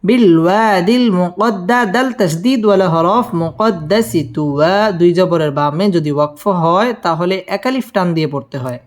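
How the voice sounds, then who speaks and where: High-voiced man teaching Quran recitation. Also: moderate pace. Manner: syllable-by-syllable drilling with melodic recitation. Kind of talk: spelling out and chanting Quranic verses.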